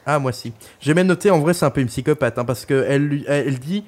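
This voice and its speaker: A man's voice: fairly high pitch, fast, darkish tone. Young male podcast co-host, loose jokey chat, crude humor, filler-heavy rambling. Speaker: podcast co-host reviewing an album. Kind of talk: casual chat.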